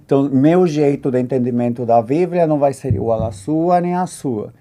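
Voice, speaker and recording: Mellow-voiced speaker in a podcast chat. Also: mid-range voice, moderate pace. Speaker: podcast participant. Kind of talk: casual podcast conversation.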